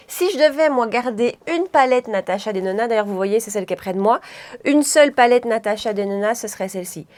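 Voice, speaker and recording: A woman talks viewers through her makeup in a loose, chatty way, doubling back and correcting herself as she goes. Her voice sits a little high for a woman. It has the easy feel of a home tutorial. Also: a little mellow. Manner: chatty, rambling, frequent self-corrections. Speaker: beauty vlogger. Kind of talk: casual makeup tutorial chat.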